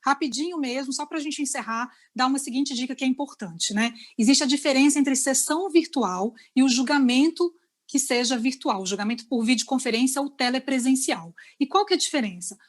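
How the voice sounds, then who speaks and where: A woman's voice: high voice, a little fast. A woman with a Brazilian accent giving an online lecture to lawyers, explaining step by step and often checking in with her listeners over a video call. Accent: Brazilian Portuguese.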